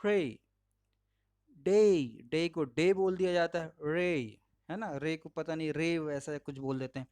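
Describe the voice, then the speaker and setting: A male pronunciation teacher with an Indian English accent and Hindi as his first language, slowly and patiently modeling each word aloud while explaining slides. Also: a little high, steady tone, a little mellow, no echo. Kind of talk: slide-based lesson.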